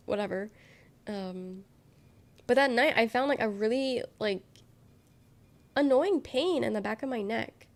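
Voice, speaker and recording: Her pitch sits on the high side and has a creaky edge. She's a young woman streaming live, sick and congested, her nasal, tired voice rambling along as she reads viewer messages aloud in a casual chat.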